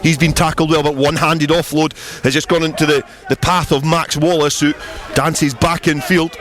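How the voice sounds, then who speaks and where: A man with a somewhat high, fairly bright voice gives flowing, descriptive live radio commentary on a rugby match at normal speed and in a level tone. He's outdoors at a rugby ground, with crowd noise from the match and soft background music.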